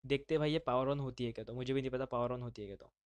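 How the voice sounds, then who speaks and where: A man's voice: mid-range voice, fairly even intonation, rapid-fire, clear, resonant tone, no room sound. A man teaching a live online class, talking casually and mixing in English terms. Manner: casual, brotherly, mixes English terms into speech.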